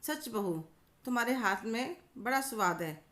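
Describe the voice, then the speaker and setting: A woman voicing a gracious, affectionate widowed mother-in-law in a storybook tale, speaking gently. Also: on the high side, expressive, measured pace.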